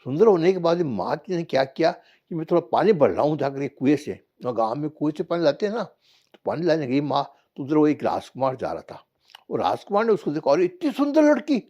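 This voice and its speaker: A man telling a folk parable in casual, animated storytelling talk. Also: on the high side, brisk. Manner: animated folk-tale narration. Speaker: vlogger.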